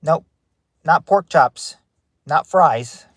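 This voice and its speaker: A man's voice: fairly high pitch, very slow, no echo. A man hosting a casual family game show on a livestream, reading out answers and greeting viewers by name from his parked car.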